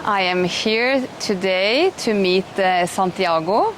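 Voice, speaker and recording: A woman's voice: medium pitch, slow pace. Chatty middle-aged woman outdoors. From Norway. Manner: chatty and enthusiastic, with frequent restarts and fillers. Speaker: host. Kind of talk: casual conversational interview. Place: outdoors in an eco village. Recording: noisy outdoor recording.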